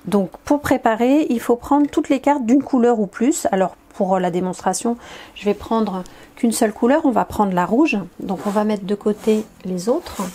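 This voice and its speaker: A woman explaining and demonstrating an educational card game, in a hesitant, explanatory way with many filler pauses. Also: medium pitch, mellow, husky.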